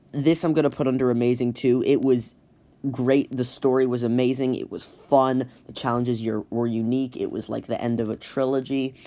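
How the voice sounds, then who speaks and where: A man giving casual, halting tier list commentary as host, often rephrasing himself, on a cheap built-in phone microphone. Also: medium pitch, a little mellow, muffled recording. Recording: rough amateur phone microphone with automatic audio.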